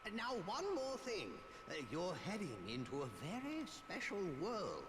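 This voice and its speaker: An actor playing a solemn, hesitant elderly wizard mentor who gives warnings in a video game. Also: male voice, high-pitched, wildly swooping pitch, moderate pace, long reverb tail, noisy background. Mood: cautioning. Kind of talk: animated video game acting.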